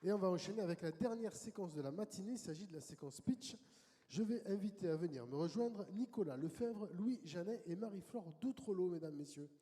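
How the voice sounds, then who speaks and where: A man moderating a conference session, introducing speakers in a lively, welcoming way. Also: high voice, a little fast. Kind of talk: event moderation. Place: conference hall. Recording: conference hall reverb.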